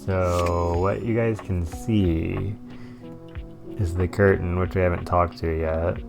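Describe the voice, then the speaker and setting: Deep, gravelly joking streamer. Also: male voice, fairly even intonation, takes it slowly. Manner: jokey, reacts aloud to the game characters. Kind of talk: casual live game commentary. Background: game music.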